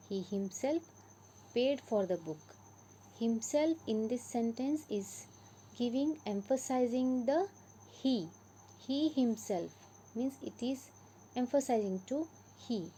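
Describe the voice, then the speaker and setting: A woman's voice: fairly high pitch, dark tone, a little hiss or hum, rough recording. A woman with an Indian English accent teaching a grammar lesson, patiently repeating and stressing example words.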